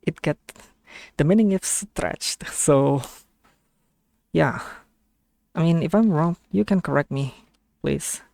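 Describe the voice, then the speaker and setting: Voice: mid-range voice, takes it slowly, vocal fry, long pauses, a little mellow, no echo. A streamer from Indonesia with an Indonesian accent, giving casual reaction commentary in a hesitant, self-correcting way, as if thinking aloud.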